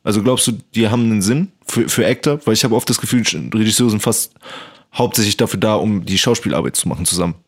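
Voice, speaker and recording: A man with a fairly low voice talking in a loose, slangy, easygoing way. He chats and asks questions, piling on fillers and tags like "you know". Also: fast talker, slightly rough. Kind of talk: casual chat.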